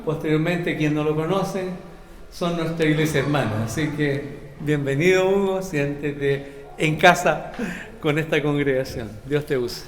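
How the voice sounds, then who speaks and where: A man's voice: a little high, measured pace. A man, a church leader, giving an informal welcome to a visiting pastor. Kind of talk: welcome address. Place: church hall. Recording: echoey church hall with long reverb.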